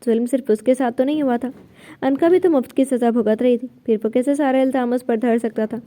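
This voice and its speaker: A woman's voice: fairly high pitch, warm tone. A woman narrating a novel aloud, reading every character's lines in her own voice.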